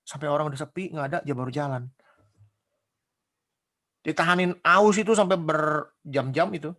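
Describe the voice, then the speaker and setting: A man's voice: fairly high pitch, moderate pace, a bit bright. A man giving a casual sermon in speech, chatty and conversational, full of rhetorical questions and acted-out quotes. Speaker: preacher.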